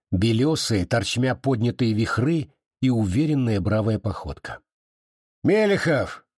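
A man giving measured, expressive literary audiobook narration. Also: medium pitch, husky, dry recording, clean studio sound.

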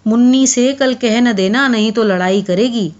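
A woman's voice: fairly high pitch, lightly acted. A woman voicing a weary male farmer who grumbles through a cold night, read aloud in a storybook. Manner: weary, grumbling, then shouting. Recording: dull lo-fi audio.

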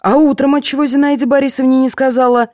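A woman voicing a kindly, fussing head nurse who coaxes and gently scolds a patient. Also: high voice, flat delivery, quick pace, dry recording, studio quality, pitched above the performer's own voice, natural voice. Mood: scolding.

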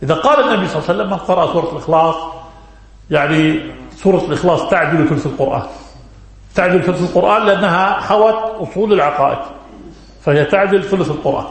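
Male religious scholar, fairly high voice, teaches by repetition and quizzing, very echoey hall. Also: very fast, vocal fry. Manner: repeats key words and quizzes listeners. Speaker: religious scholar answering questions. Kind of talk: religious lesson. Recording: very echoey room.

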